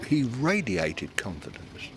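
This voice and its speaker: An older man, a war veteran, recalling the past in a halting way, repeating words as he searches for them. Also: mid-range voice, wildly swooping pitch, a bit bright, a little hiss or hum. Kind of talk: recalled wartime memories.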